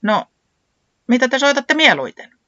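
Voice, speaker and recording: A storyteller voicing a calm, well-travelled creature who manages the band and soothes its friends. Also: high voice, dry recording, lo-fi sound, pitched above the performer's own voice, full character voice. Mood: reasonable.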